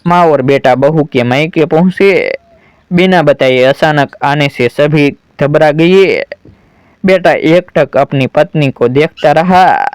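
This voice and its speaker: A male storyteller narrating a family tale in a calm, even reading. His voice sits a little high and moves very slowly. The sound is clear and dry. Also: no room sound.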